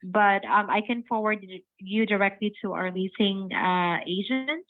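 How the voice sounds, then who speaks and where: A woman receptionist speaks over a landline phone, polite and hesitant, filling her answers with ums and uhs. Her voice comes through a thin, tinny phone line with no room sound at all, and sits at a middling pitch. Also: a little slow, dry recording. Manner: polite, hesitant with many fillers. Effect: heard over a landline phone line. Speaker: real estate office receptionist. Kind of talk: business phone call.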